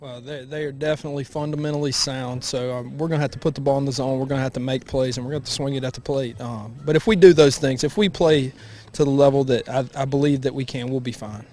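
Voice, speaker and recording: A man, a baseball coach giving plain-spoken, measured answers in a sports interview. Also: mid-range voice, fairly even intonation, darkish tone. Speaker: high school baseball head coach.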